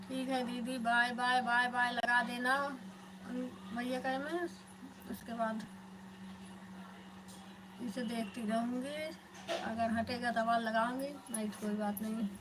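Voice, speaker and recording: A woman's voice: a little high, little pitch movement, unhurried, pauses often, noisy background. A woman hosting a live stream, chatting casually with her viewers and calling them elder sister.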